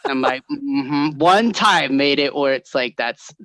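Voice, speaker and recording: A middle-aged man co-hosting a podcast, telling stories in a lively way, acting out the quoted voices and laughing often. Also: a little high, slow. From Northern California. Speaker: podcast co-host. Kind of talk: casual storytelling chat.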